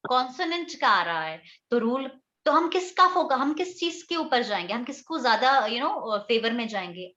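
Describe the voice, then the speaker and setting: A woman's voice: fairly high pitch, sing-song, moderate pace, hardly any pauses, pushed and bright. An Indian woman teaching English grammar to a class, explaining step by step and often checking whether the students understand. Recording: echoey classroom, dull lo-fi sound.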